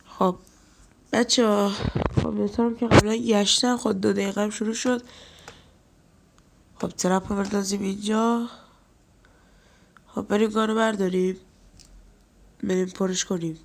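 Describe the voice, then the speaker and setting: Man, stuffy nasal voice with some fry, casual let's-play YouTuber chatting to his viewers. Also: high voice, level tone, long pauses. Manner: chatty, talks to viewers and scolds game characters. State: nasal from a cold. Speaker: gaming YouTuber.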